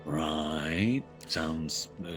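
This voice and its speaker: A man playing a gruff veteran inquisitor soldier in an online roleplay, with his voice run through a voice changer. He talks in a laid-back, dry way. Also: drawn-out words, over music. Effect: voice changer lowering the voice. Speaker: roleplay player. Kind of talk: in-character roleplay chat.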